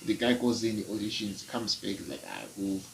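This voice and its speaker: A man's voice: on the low side, a little fast, background noise. A South African man, a comedian, telling stories casually and animatedly in slangy speech, switching between English and an Nguni language. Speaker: comedian and ventriloquist, guest. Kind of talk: casual comic storytelling.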